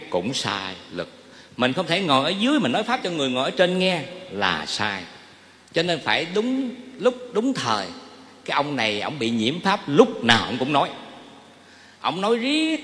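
A male monk with a Southern Vietnamese accent gives a dharma talk to a gathering. His fairly high voice moves through a wide, animated pitch range. He keeps turning to the listeners with questions. A long reverb hangs after his words, as in a large hall. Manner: lively, asks the audience questions. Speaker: Buddhist monk.

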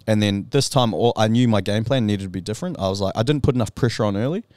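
A man co-hosting a podcast, telling a story in an animated, excitable way full of slang. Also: lowish voice, quick pace, no room sound, clean studio sound. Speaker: podcast co-host. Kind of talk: casual chat.

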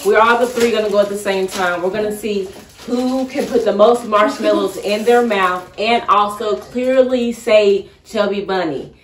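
A woman's voice: medium pitch, normal speed. A young woman hosting a casual family vlog in a playful, chatty way. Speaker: host, mother. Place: indoor room, standing back from camera. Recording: echoey room, distant mic, noisy.

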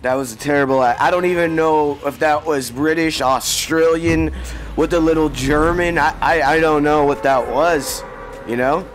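A man's voice: a little high, normal speed, slight background noise. Laid-back chatty male streamer. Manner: laid-back, chatty, slangy, addresses viewers as bro and dog. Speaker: game streamer. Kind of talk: casual livestream chat.

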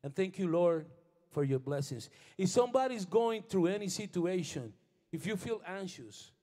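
A middle-aged Puerto Rican bandleader with a fairly high voice talks into a stand microphone while playing bass on an indoor studio stage with his band. Warm, animated and a little slow, he introduces the band, switching between Spanish and English and hesitating over words before building into fervent, sermon-like spiritual encouragement.

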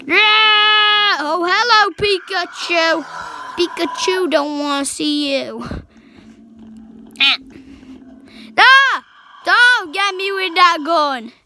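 A woman giving excitable let's play commentary over a game, yelping at scares and dropping into hushed whispers. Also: extremely high pitch, takes it slowly, background noise. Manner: excitable, swings between yelps and hushed whispers. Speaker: gameplay commentator. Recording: game music playing clearly behind the voice.

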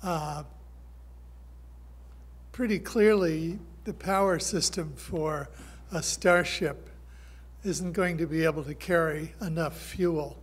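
An older man, a historian on a panel, speaking in a measured, thinking-aloud way at a table mic. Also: fairly high pitch, husky. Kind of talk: panel talk. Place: conference hall stage.

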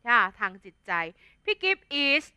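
A woman's voice: measured pace, pushed and bright, no room sound. A young adult woman with a Thai accent teaching an English vocabulary lesson in a chatty, casual way, full of fillers and tag words. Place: studio.

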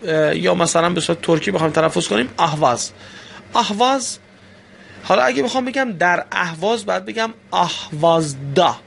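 A man with a high-pitched, gravelly voice gives a language lesson. He explains each rule patiently and in small steps, pausing often to hesitate. Faint noise sits behind his voice. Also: a bit bright. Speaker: Turkish language teacher.

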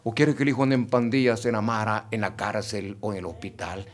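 A man's voice: lowish voice, fairly even intonation, fairly quick. A middle-aged man, preaching a sermon and addressing the congregation directly and emphatically. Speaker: pastor.

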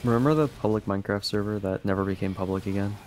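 A man's voice: lowish voice, fast talker, a little mellow. A man chatting in a gaming voice chat, rambling with lots of fillers.

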